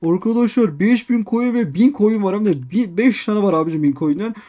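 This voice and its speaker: A man giving excited let's-play commentary on a game, repeating phrases in quick bursts and constantly addressing his viewers. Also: sits high. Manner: excitable, keeps calling viewers "abicim" and "arkadaşlar". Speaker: gaming YouTuber.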